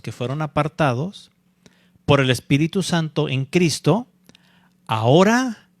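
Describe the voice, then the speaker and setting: A male pastor preaching a sermon, deliberate and repeating key points, often checking in with a quick "¿sí?". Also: a little high, no echo, studio quality. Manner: deliberate, checks in with the congregation by asking "¿sí?"; repeats key phrases for emphasis.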